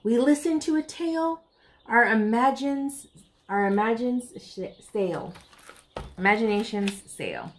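A slightly high-voiced American woman, probably in her thirties, leads a children's storytime with a lively picture-book reading aimed at young listeners. There's a little background noise in the recording.

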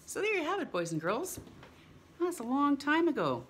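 Very animated and speaking at a normal speed, a middle-aged woman with a high voice reads a picture book to young children. As storytime host in a small indoor room at home, she theatrically lengthens words and asks her listeners questions, with slight background noise.

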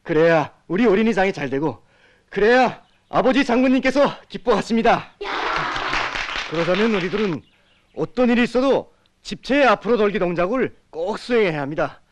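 A man's voice: high-pitched, normal speed, crowd noise, noisy background. An actor with a North Korean accent playing an earnest, encouraging male coach in his thirties in a film drama, speaking instructively. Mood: earnest, rousing. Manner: animated, instructive.

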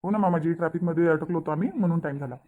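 A man's voice: a little high, racing, narrow, tinny audio, natural voice. A man voicing a respectful young son-in-law in a cartoon, deferential. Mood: polite. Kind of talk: cartoon voice acting.

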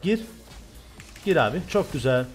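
A young man from Turkey commentating loudly and excitedly on his own gameplay, swearing and shouting at the game. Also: fairly high pitch, unhurried, soft background music. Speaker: gaming streamer.

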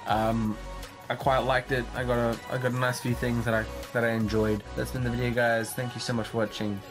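A man's voice: medium pitch, flat delivery, brisk, over music. A tired, drained young man chatting casually as a vlog host in his bedroom, rambling and swearing freely. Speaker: channel host.

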